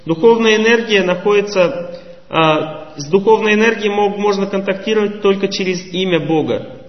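Man, high voice, spiritual lecturer; measured and teacherly; heard from a distance in a reverberant hall. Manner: measured, teacherly, rhetorical questions to the audience. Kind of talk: religious lecture. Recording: echoey hall, voice from afar, muffled.

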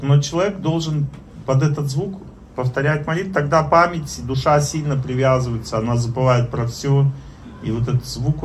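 Male spiritual teacher, middle pitch, halting informal lesson delivery with a faint noise bed. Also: darkish tone. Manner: halting, with many fillers and pauses. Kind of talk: informal spoken lesson on prayer.

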